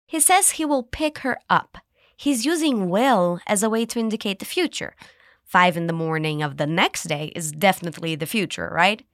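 Lively woman podcast English teacher. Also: fairly low pitch, dry recording, clean studio sound. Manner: cheerful, slow model phrases to repeat. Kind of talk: scripted language lesson.

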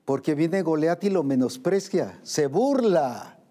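A man's voice: on the high side, very animated, unhurried, warm tone. A man preaching a sermon, asking questions and acting out the voices of worried believers.

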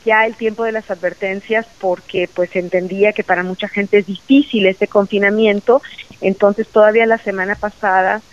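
Female reporter phoning in, measured news delivery, muffled lo-fi line. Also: mid-range voice, steady tone. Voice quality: measured, informative, with fillers. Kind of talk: live news report by phone.

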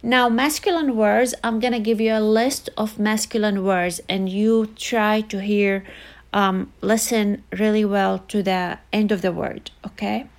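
A woman tutoring Arabic in a casual online lesson, explaining slowly with repetition and frequent fillers. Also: mid-range voice, steady tone. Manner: slow, repetitive teaching with many fillers.

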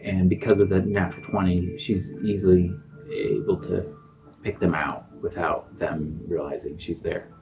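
Low-voiced male game master, chatty narration, lo-fi recording. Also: steady tone, normal speed, vocal fry, over music. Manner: loose, chatty narration with fillers. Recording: dull lo-fi recording with faint noise.

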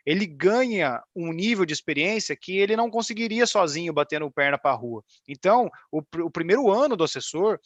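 A man's voice: fairly high pitch, fairly bright tone, dry recording. A man with a Brazilian accent giving an informal explanatory presentation on a video call, often checking in with short tag questions. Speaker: financial advisory firm leader presenting. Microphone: video call microphone.

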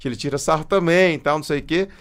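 A man's voice: on the high side, racing. A man, a teacher telling classroom stories in slangy casual chat. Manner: animated storyteller, slangy.

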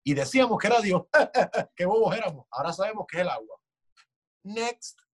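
A man's voice: high-pitched, lively intonation, normal speed, slightly rough. A man in casual chat, arguing passionately, swearing often and acting out quoted voices.

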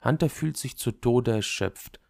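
A man narrating an audiobook in a measured, literary reading. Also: mid-range voice, gravelly, darkish tone, no room sound, studio quality.

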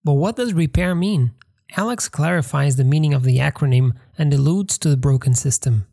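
A man hosting a podcast, reading scripted narration in an even, read-aloud delivery. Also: on the high side, fairly quick, creaky. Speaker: podcast host.

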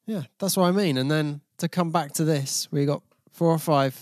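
A man co-hosts a casual podcast chat. His voice is fairly high for a man, and he sounds dry and close to the mic. He is easygoing, laughs a lot and keeps his answers short. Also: normal speed, darkish tone, no echo. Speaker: podcast co-host.

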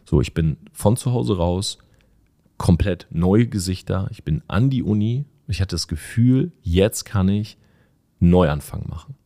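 A man's voice: low voice, lively intonation, unhurried, mellow. A young man from northern Germany, a podcast host telling stories in a chatty, self-mocking way, with many fillers, acting out the people he quotes. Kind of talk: casual storytelling monologue.

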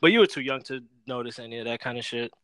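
A man's voice: medium pitch, fast, a bit bright, smooth, no echo. Profane, laid-back young man hosting a podcast. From Florida. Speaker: podcast host. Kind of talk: casual podcast chat.

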